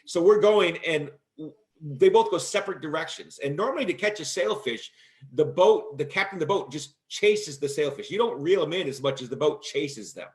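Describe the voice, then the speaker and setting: A man hosting a casual talk show with a fairly high voice. He tells long stories in a lively, animated way, raising his voice to act out what others said. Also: normal speed. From Michigan, USA. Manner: animated, acts out quotes in a loud voice. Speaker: host. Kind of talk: casual storytelling chat.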